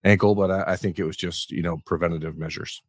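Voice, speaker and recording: A man's voice: sits low, fairly even intonation, fast, dry recording. A man co-hosting a sports podcast, dry and sarcastic, talking in loose rambling runs. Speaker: podcast co-host. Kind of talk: casual sports podcast banter.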